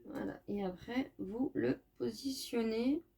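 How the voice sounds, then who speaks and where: A woman chatting casually through a craft tutorial, often correcting herself and filling pauses as she works. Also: on the high side, vocal fry, background noise. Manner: chatty, self-correcting, many fillers. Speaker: scrapbooking crafter.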